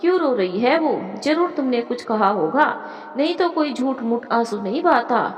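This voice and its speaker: A drunk, hot-tempered young husband, as a woman narrator puts him on barks harsh demands. Her voice stays fairly high, and the room gives it a long echoing tail. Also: lively intonation, moderate pace, close to an everyday voice. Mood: angry. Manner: barking, rough demands. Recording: echoey room with long reverb.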